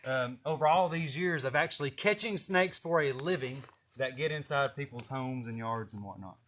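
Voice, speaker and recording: Medium-pitched and a bit bright, this man speaks at a moderate pace over slight background noise. Hosting a livestream from a greenhouse garden, the East Tennessee snake catcher wanders through salty, down-home yarns, laughing as he goes.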